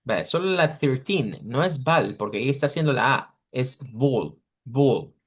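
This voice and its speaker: A man teaching an English pronunciation class over a video call, patiently repeating model words slowly for his students. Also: mid-range voice, lively intonation. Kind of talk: online class correcting students.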